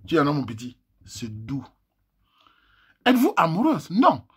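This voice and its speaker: A man's voice: fairly high pitch, wildly swooping pitch, a little slow, husky. A man with a Cameroonian French accent, reading messages aloud and joking with his viewers as a vlogger. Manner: joking, chatty, talks to viewers as little brother.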